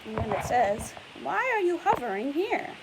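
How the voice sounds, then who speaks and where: A woman with a high-pitched, sing-song voice reads a picture book to young children at a moderate pace. She explains it patiently in simple terms and asks the listener questions. Clear hiss and noise run through the background.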